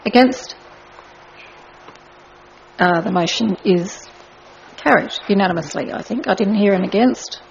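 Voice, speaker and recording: A woman, chairing a council meeting as mayor in a brisk, procedural way with light asides. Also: mid-range voice, a little hiss or hum. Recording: dull lo-fi meeting recording.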